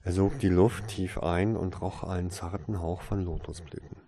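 A man narrates a story aloud with a deep, low voice. His tone is dark and mellow with a husky, slightly breathy grain. The reading is calm and steady throughout. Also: normal speed. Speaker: audiobook narrator. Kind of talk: scripted narration.

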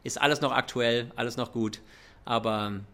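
A man's voice: medium pitch, fairly even intonation, normal speed, pushed and bright. Man with a slight American accent in German. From Germany and the United States. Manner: hesitant, mixing English business terms into German. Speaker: airline chief executive. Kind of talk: conversational interview answers.

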